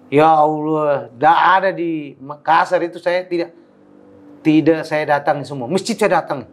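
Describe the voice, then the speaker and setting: A man's voice: a little high, steady tone, moderate pace. A man from Timor, an Islamic preacher, telling his life story in a casual interview, acting out quoted dialogue and laughing often.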